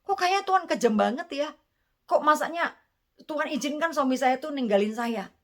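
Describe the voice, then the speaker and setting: A middle-aged woman preaching an earnest sermon in a fairly high voice. She speaks straight to her listeners and slips in English words now and then. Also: lively intonation, normal speed, fairly bright tone.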